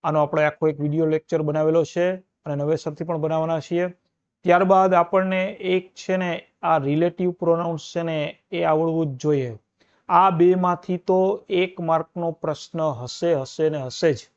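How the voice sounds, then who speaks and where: A man's voice: on the high side, steady tone, moderate pace. A male teacher giving an exam-prep grammar lecture, explaining each point in repeated steps and often checking that the listener follows. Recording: dull, muffled recording.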